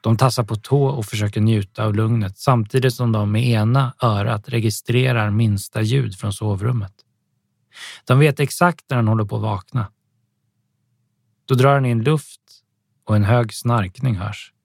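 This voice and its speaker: A man narrating a story calmly and evenly, with soft music behind him. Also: on the low side, creaky, no echo, clean studio sound. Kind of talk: scripted audiobook narration.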